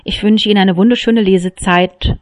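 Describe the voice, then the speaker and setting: A woman narrates a novel aloud in a measured, expressive storytelling voice. Her pitch sits right in the middle of the range, and she keeps the story moving steadily. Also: no room sound. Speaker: audiobook reader.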